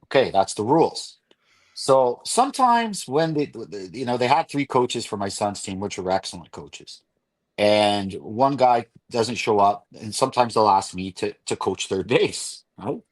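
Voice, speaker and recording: A man hosting a sports radio show, telling stories in an animated way and laughing often. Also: lowish voice, measured pace. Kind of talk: casual sports radio chat. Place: radio studio.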